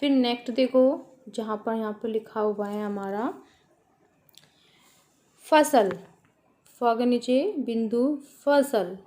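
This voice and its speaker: A woman's voice: fairly high pitch, fairly even intonation, normal speed, dark tone. A woman teaching a children's worksheet lesson, asking and answering her own questions and spelling out words with careful pronunciation. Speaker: primary school teacher.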